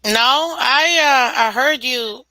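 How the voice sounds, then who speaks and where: A woman's voice: high voice, slow pace, bright, forceful tone, dry recording. Sassy, teasing woman on a stream. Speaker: guest co-host. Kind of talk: casual chat.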